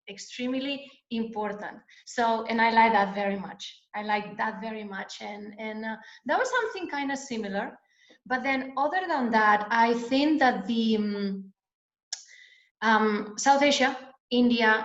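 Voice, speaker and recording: A woman from Spain with a Spanish accent, a guest educator talking hesitantly with many fillers in an online interview. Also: on the high side. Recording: echoey, dull lo-fi call audio.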